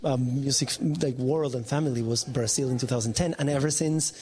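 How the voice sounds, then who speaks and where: A man from Colombia, a percussionist guest speaking in a relaxed, enthusiastic way in an interview. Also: medium pitch, brisk. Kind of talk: casual interview talk.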